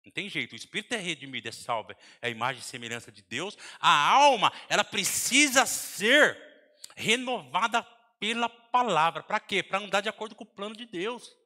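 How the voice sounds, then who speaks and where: A man with a Brazilian Portuguese accent preaching a sermon in a large church hall, breaking into sudden shouts between softer asides. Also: sits high, expressive, normal speed. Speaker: pastor. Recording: long hall reverb.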